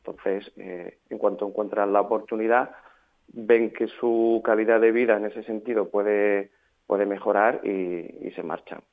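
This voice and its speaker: Male spokesman by phone, low-pitched, hesitant, tinny line. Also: fairly even intonation, measured pace. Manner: hesitant, thoughtful, many fillers. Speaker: police association spokesman. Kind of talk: radio interview answers.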